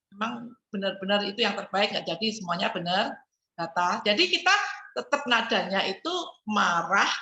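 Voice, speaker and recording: A woman giving a teaching talk on family communication over a video call, acting out quoted arguments with sharp jumps in pitch. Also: roomy sound. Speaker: guest speaker.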